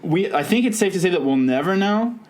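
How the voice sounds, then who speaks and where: A man's voice: high voice, expressive, fairly quick, a little mellow, slight background noise. Rambling, laughing podcast man. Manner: rambling, laughs often, self-mocking. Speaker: podcast co-host. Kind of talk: casual podcast chat.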